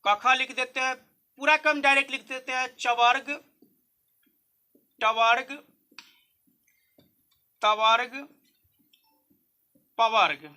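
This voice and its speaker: A male teacher gives a lesson in a high, bright voice. He moves through the material step by step, posing questions to the class and then answering them himself. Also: fairly even intonation, slow pace, long pauses, clean tone. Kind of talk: classroom-style Hindi grammar lesson.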